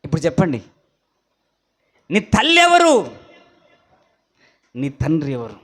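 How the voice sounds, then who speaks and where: A male pastor, singing worship and then preaching with rhetorical questions and sudden loud exclamations. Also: on the high side, huge pitch swings, a little slow. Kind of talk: sung worship and sermon.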